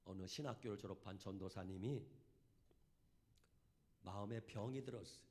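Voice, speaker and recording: A man pastor preaching a revival sermon in a church, telling a story dramatically and swinging from hushed to shouted. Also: lowish voice, normal speed.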